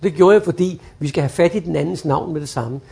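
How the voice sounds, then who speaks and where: A man teaching customer service on the phone, acting out little phone dialogues in quick voices. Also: fairly high pitch, creaky, dark tone. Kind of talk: lively training talk.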